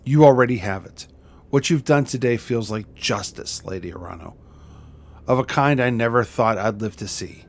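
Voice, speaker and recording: A man's voice: mid-range voice, moderate pace, natural voice. A man voicing an aggrieved noble lord in a video game, solemn and courteous, with formal, courtly phrasing. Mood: grateful, solemn.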